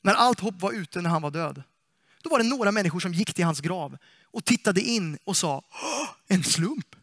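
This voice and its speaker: A man preaching in church with a high, bright voice. He is lively and playful and keeps putting questions to the congregation. The sound is close and dry. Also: dry recording. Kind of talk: sermon.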